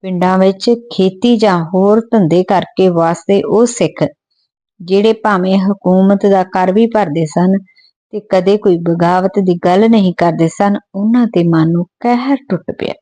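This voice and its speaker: A woman reading a history book aloud as a narrator, in a steady, earnest manner. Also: mid-range voice, measured pace, no room sound. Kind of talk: storybook narration.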